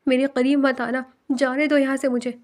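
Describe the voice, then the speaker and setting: Frightened crying young woman, voiced by a female narrator, high and pleading. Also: level tone, close to an everyday voice. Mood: panicked.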